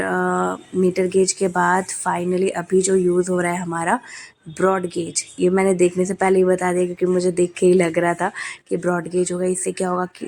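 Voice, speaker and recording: A woman's voice: on the low side, vocal fry, darkish tone. A young adult woman with a cold, narrating a family vlog in casual chat, with many hesitant fillers. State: coughing, has a cold. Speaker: family vlogger.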